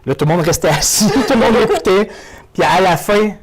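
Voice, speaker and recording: A man's voice: high-pitched, expressive, a little fast, breathy edge. A man with a Québécois French accent, a motivational speaker giving an interview, who repeats words and phrases for emphasis. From Quebec. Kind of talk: animated interview talk.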